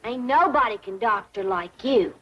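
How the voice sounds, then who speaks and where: A woman's voice: a little high, animated, normal speed, natural voice. An actress playing a naive, cheerful young backwoods woman with a rural Southern US accent, in a television sitcom. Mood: cheerful, guileless. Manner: guileless, folksy. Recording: dull sound, noisy with audience.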